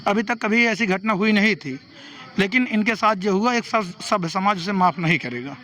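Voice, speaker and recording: A man's voice: high voice, normal speed, sharp tone. A man, an advocate and local candidate, giving a formal statement to a reporter outdoors and demanding action. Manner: formal, demanding, lists legal sections.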